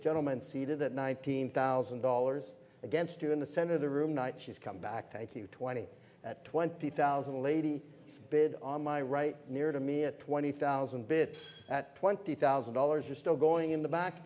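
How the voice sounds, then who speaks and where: A man's voice: medium pitch, a little mellow. A man working as a fine art auctioneer, calling bids in a repetitive, salesmanlike patter at a live sale. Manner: brisk salesman's patter, repeating numbers. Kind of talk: live auction calling with repeated bid figures.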